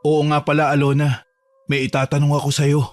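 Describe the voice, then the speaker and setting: A man voicing a calm, protective gardener who reassures a trapped girl in a horror drama. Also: fairly quick, close to an everyday voice. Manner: calm, reassuring, low-key. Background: faint music.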